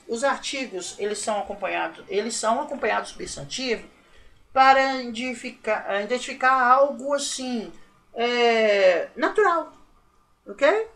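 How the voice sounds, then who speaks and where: A woman's voice: on the high side, a bit bright, rough recording. A woman with a Brazilian Portuguese accent giving a casual online English grammar lesson, explaining step by step and checking in with viewers constantly. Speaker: English teacher.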